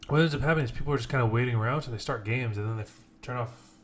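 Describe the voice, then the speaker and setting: This is a racing, medium-pitched male voice casting an esports event live, the loose late-night stream banter full of apologies and self-deprecating chatter. You can clearly hear typing on a keyboard behind him.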